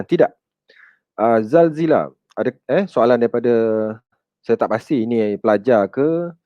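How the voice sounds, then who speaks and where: In a medium-pitched voice with a Malaysian Malay accent, a man gives a conversational counseling talk and takes audience questions, calling his listeners children and blending in English words. The recording has no echo, and the highs are cut off.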